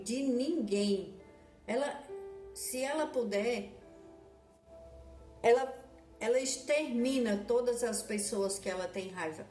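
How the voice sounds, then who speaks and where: Slow, earnest woman preacher. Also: fairly high pitch, darkish tone. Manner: slow, earnest, repetitive preaching with frequent restarts. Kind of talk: devotional sermon. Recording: echoey room with faint music behind.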